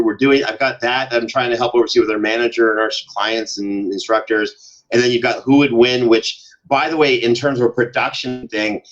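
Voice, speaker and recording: A middle-aged American man with a mid-range voice chats casually as a guest on a podcast, coming across as joking and dryly sarcastic. He's an audio drama producer, and the interview is conversational, heard through a muffled recording.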